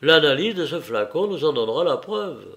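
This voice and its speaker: A musing, worried country doctor, as the reader puts him on in a storybook reading. He ponders aloud with small hesitations, then speaks firmly. His voice sits somewhat high for a man. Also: big pitch swings, moderate pace, gravelly, fairly bright tone, full character voice. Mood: insistent.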